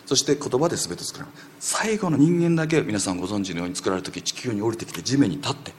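A man preaching a sermon as a story, animated, sometimes acting out quoted voices and dropping to a whisper. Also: lowish voice, fast, a little hiss or hum.

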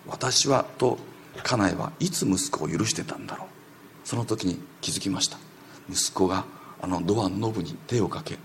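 Male preacher, low gravelly voice, rapid storytelling sermon with faint room noise. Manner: animated, acts out quoted voices, drops to whispers.

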